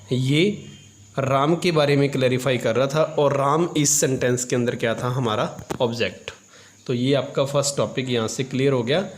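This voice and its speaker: A man's voice: mid-range voice, darkish tone. Hindi-speaking man teaching English grammar. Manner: explains step by step, asks and answers his own questions; stretches English terms slowly while dictating. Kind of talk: classroom lesson explained in Hindi.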